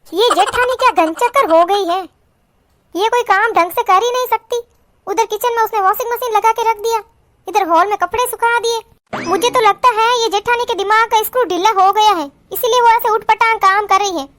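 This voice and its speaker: A woman voicing a quarrelsome, sharp-tongued young sister-in-law who scolds and insults in a cartoon. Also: extremely high pitch, normal speed, no room sound, studio quality. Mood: ranting. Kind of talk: cartoon voice acting.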